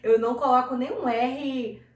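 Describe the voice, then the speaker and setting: A woman's voice: sits high, normal speed, distant mic. Chatty Brazilian woman in an echoey room. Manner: chatty, animated, laughs easily. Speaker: co-host. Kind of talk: casual chat. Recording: echoey room, slightly off-mic.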